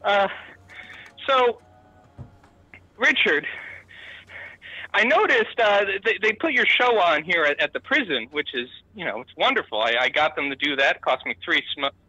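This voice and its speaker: A man's voice: high voice, sing-song, normal speed, long pauses, sharp tone, breathy edge, no room sound, heavily acted. A man playing a chummy prison inmate on a payphone line. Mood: chatty. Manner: rambling, overly familiar, keeps repeating the host's name. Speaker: caller. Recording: dull muffled phone line.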